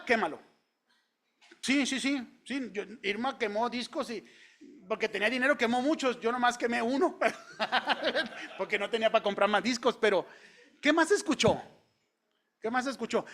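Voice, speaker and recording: Delivering a conversational sermon in a church, a male pastor asks his congregation questions in a very high-pitched voice with a fairly bright tone.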